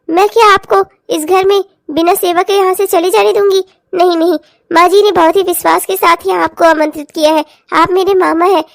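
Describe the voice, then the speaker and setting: A woman's voice: very high-pitched, creaky, no room sound, studio quality. A woman voicing a polite, dutiful young daughter-in-law in a cartoon, speaking sweetly and respectfully.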